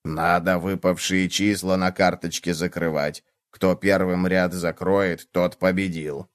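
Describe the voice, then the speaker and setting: A man voicing a calm, stubborn cockroach who speaks low, slow and quietly in a children's storybook. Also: clear, resonant tone, no room sound. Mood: earnest. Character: calm stubborn male cockroach from far away.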